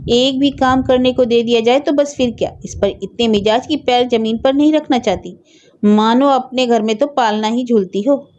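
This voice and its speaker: Woman doing a sharp-tongued elder sister-in-law in a read-aloud story: shrill, scolding, mellow timbre, lo-fi recording. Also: moderate pace, natural voice.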